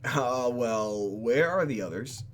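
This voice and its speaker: Speaking slowly at medium pitch, a male YouTube gamer animatedly reads visual novel text aloud during a let's play. He reacts to it in an exaggerated, theatrical fashion.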